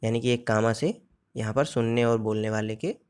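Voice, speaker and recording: A male teacher giving an exam-prep grammar lesson, explaining step by step and asking and answering his own questions. He recites verse examples slowly. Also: mid-range voice, darkish tone, clear, resonant tone.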